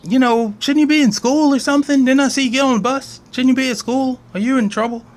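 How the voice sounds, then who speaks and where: A man voicing a fussy grown-up trash collector who scolds with quick, rapid-fire questions in a comedic story. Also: very high-pitched, fairly even intonation, pitched above the performer's own voice. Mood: scolding.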